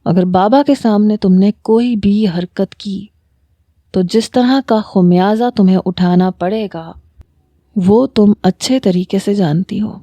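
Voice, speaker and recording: A woman's voice: mid-range voice, steady tone, warm tone, dry recording, close to an everyday voice. A woman voicing an arrogant, rude young husband who speaks coldly and menacingly. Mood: cold contempt.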